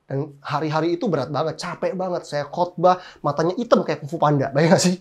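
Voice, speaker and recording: A man in his thirties, a pastor, preaching a sermon through lively, humorous personal stories full of exclamations. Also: on the high side, quick pace.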